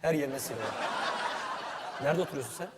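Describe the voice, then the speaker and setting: A man's voice: a little high, fairly quick. A man acting as a bossy mock film director, mock-formal and pompous, laughing as he gives orders. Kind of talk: comic improvised sketch. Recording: reverberant hall with loud background noise.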